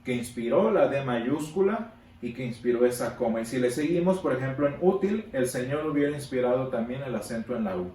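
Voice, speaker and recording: A man teaching a Sunday school Bible class, emphatic, repeating words for stress and pausing on fillers. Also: mid-range voice, animated, dark tone. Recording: echoey room from a distance, faint background noise.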